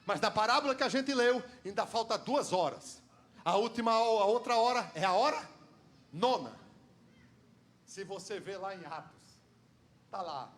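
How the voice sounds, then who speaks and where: Dramatic high-pitched Brazilian preacher. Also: male voice, expressive, unhurried, pauses often. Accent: Brazilian Portuguese. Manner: dramatic storytelling, swinging from shouts to hushed tones. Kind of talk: sermon. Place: church.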